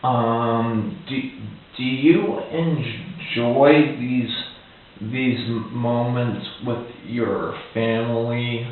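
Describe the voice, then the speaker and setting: A man playing a gentle children's show host who interviews a guest in a hesitant, stammering, halting way. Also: medium pitch, fairly even intonation, recorded from a distance. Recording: tinny, echoey, from afar, faint hiss.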